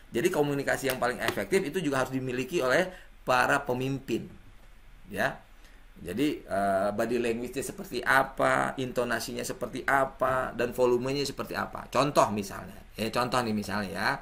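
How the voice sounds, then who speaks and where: A middle-aged man gives a lively classroom lecture, talking straight to his students. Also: fairly high pitch. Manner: lively, addresses students directly, acts out examples.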